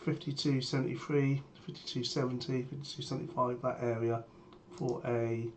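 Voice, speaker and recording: A trader laying out his premarket plan gives matter-of-fact live market commentary in a mid-range voice at a moderate pace. He sounds under the weather, his voice strained from a sore throat, with steady background noise and keyboard typing.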